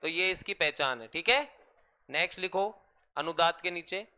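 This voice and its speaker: A man with a Rajasthani Hindi accent teaching a class, slowly dictating notes and repeating each phrase for students to write down. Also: fairly high pitch, bright, forceful tone, clear, resonant tone. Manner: slow, repetitive dictation.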